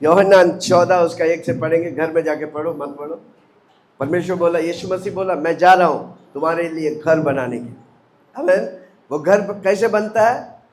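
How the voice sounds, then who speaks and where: A man's voice: fairly high pitch, normal speed. A man pastor from India preaching a sermon, asking the congregation questions and leading call-and-response.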